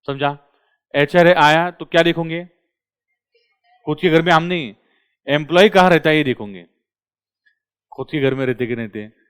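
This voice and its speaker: A male commerce tutor, lecturing a classroom and quizzing his students with quick questions. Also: a little high, fairly bright tone, clear, resonant tone.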